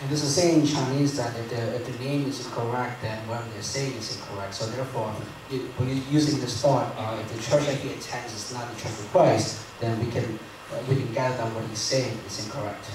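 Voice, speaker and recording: A man interpreting a sermon into English live, in a quick, somewhat hesitant way. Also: medium pitch, fairly even intonation. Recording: echoey hall, distant mic, noise.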